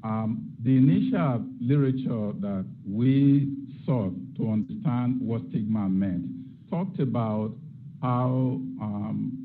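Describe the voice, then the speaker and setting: A middle-aged Nigerian man, speaking as a guest lecturer, gives an academic talk full of reflective rhetorical questions. His voice is on the low side, and the phone-quality recording carries a noisy background.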